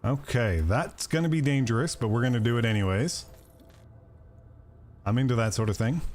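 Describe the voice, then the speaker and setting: A man's voice: mid-range voice, lively intonation, moderate pace, a little mellow. A man streaming a video game, chatting casually and joking with viewers while he plays. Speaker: gaming streamer. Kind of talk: casual gameplay commentary.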